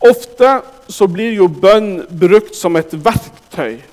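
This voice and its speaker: A man with a high voice delivers a sermon, stressing his words and turning often to the congregation. His voice carries through a church hall with a long reverb. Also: darkish tone. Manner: emphatic, addresses the congregation directly. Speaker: preacher.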